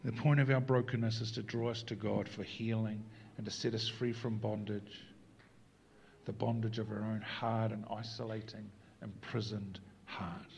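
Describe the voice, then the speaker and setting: A man preaching a sermon as pastor, moving between loud acted quotes and hushed, whispered lines. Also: lowish voice, level tone, moderate pace, vocal fry, dull audio, a little hiss or hum.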